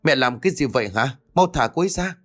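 A man's voice: medium pitch, animated, quick pace, faint music behind, natural voice. A man doing a hot-headed young husband. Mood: angry shouting.

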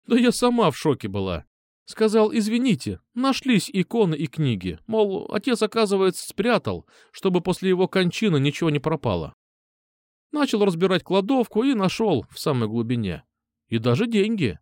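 A man's voice: high-pitched, wildly swooping pitch, normal speed, darkish tone, dry recording, studio quality, voice pushed up. A man reading an audiobook, voicing a caring, chatty middle-aged mother in a raised voice. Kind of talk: audiobook character voice.

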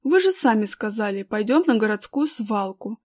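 A woman's voice: fairly high pitch, animated, normal speed, darkish tone. A woman voicing a kindly old grandfather who grumbles good-naturedly, in a storybook reading.

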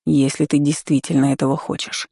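A woman's voice: low-pitched, little pitch movement, a little fast, vocal fry, mellow, breathy edge, no echo, clean studio sound, heavily acted. A woman voicing a proud, commanding male dragon lord who speaks curtly and firmly. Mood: grudging. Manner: curt, commanding, unyielding.

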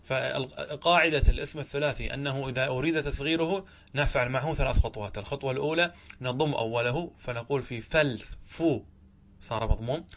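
A man teaching Arabic grammar to a class. He speaks slowly and deliberately, drawing out example words, repeating them, and asking the class questions. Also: mid-range voice, fairly bright tone. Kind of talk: classroom lesson explaining a text.

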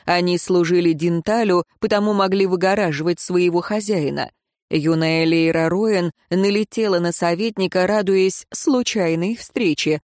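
A man narrating an audiobook in an even storytelling voice. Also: sits high, moderate pace, dry recording, clean studio sound. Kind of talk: scripted narration.

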